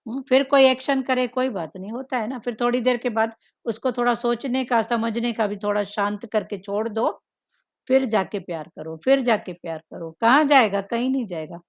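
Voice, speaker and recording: Woman spiritual teacher, fairly high gravelly voice, unhurried devotional talk, lots of thoughtful "hmm"s. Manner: slow, musing, with frequent "hmm" fillers.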